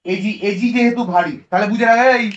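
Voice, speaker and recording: Male chemistry teacher, high voice, lively classroom explainer, dull lo-fi sound. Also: fast talker. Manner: lively, coaxing, keeps checking students understand. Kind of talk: classroom lecture.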